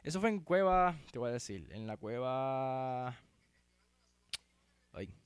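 A man's voice: mid-range voice, sing-song, takes it slowly, clear, resonant tone, dry recording. A man with a Puerto Rican accent giving rambling, heated, slangy commentary as host of his own show. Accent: Puerto Rican Spanish. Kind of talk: casual commentary.

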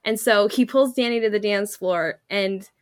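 A young woman co-hosting a casual podcast, telling the story of a scene with lively energy and playing out the characters' lines. Her voice sits in a middle register and sounds close and dry, with almost no room around it. She laughs easily as she talks. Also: mid-range voice, moderate pace, dry recording. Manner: animated storytelling, acting out quotes with laughter. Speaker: podcast co-host. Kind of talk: casual recap chat.

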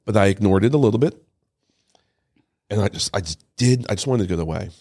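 A man giving an emotional personal testimony in an interview, halting and often repeating his words. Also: on the low side, expressive, warm tone. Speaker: interview guest, father. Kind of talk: personal testimony, casual storytelling.

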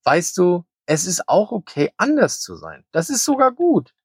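A man voicing a very old, calm and kind grey male hare in a children's story, speaking gently and wisely. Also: sits high, unhurried, breathy edge, dry recording, studio quality, voice pushed up, exaggerated voice. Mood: gentle. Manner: gentle, soothing, wise.

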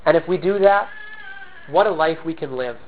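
A pastor preaching in an earnest, measured way, posing questions to the congregation and answering them himself. His voice sits high for a man. The recording is thin and tinny, like a phone line. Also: faint music behind. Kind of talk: sermon.

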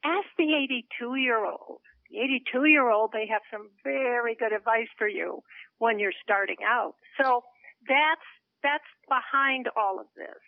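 A woman's voice: a little high, measured pace, creaky, dry recording. A woman in her seventies, a guest on a radio interview, speaking earnestly over the phone with small laughs between her points. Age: 70s. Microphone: telephone. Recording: narrow phone line.

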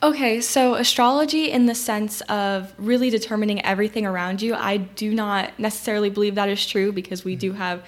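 A young woman speaking as a podcast guest, easygoing and relaxed, with a lot of filler words. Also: medium pitch, fairly quick, hardly any pauses. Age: young adult. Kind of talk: casual chat.

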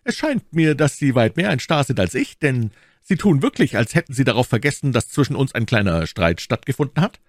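A man's voice: mid-range voice, sing-song, fairly quick, no room sound, studio quality, pitched above the performer's own voice. A man reading an audiobook, voicing a bold, hot-headed young Gascon musketeer with brash, emphatic delivery. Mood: bold challenge.

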